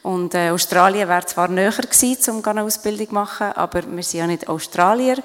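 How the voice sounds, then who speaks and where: A woman's voice: medium pitch, a little fast. Earnest Swiss woman in a reverberant hall. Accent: Swiss German. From Switzerland. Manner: earnest, reflective, with many fillers and restarts. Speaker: guest speaker. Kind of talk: interview on stage at an event.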